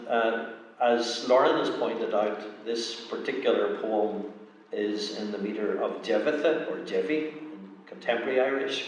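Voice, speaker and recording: Man with a lowish voice lecturing real slow, lots of uhs, echoey hall and far-off mic. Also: a little hiss or hum. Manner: measured, explanatory, pausing with "uh". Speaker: co-presenter explaining bardic poetry. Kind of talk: lecture presentation.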